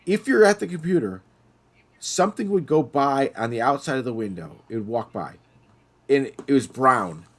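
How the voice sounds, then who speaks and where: Animated middle-aged man telling stories. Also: medium pitch, normal speed. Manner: animated storyteller, acting out quoted voices. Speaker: podcast host. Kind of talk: casual storytelling chat.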